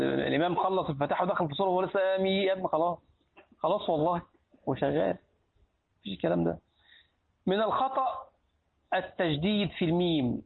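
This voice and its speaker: In a mosque, an Egyptian sheikh teaches a hadith book as a lively classroom teacher, asking questions and then answering them himself. The man speaks with an Egyptian Arabic accent in a husky, higher voice. The sound is tinny, lo-fi, and phone-like.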